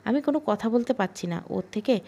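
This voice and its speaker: A young woman tells a romantic audio story in the first person. Her narration is intimate and close. The voice is mellow and dark rather than bright. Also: on the high side, animated, brisk, creaky.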